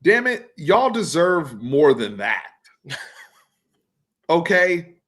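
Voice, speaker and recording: Speaking in a voice on the high side, this thirty-something Texan hosts a laid-back sports talk stream, talking quickly and animatedly and repeating words as his argument builds.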